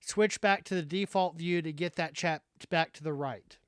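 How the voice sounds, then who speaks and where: A man's voice: a little high, normal speed, a bit bright, clean tone, no room sound, clean studio sound. A man hosting a casual livestream chat, thinking aloud in a hesitant way. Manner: hesitant, thinking aloud while figuring things out. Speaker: livestream host.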